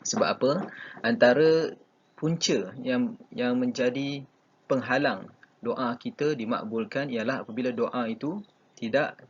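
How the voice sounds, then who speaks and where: A man's voice: mid-range voice, breathy edge, lo-fi sound. A man with a Malaysian Malay accent teaching a recorded online class, patient and repeating key phrases with many short fillers. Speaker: religious school teacher.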